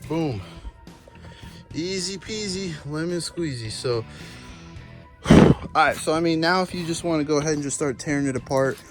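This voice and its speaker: A DIY truck repair vlogger with a fairly high voice gives a casual, slangy how-to while working on a truck, at a moderate pace with long pauses. Laid-back, he talks to viewers like buddies and calls them "boys," with clear guitar music playing under his voice.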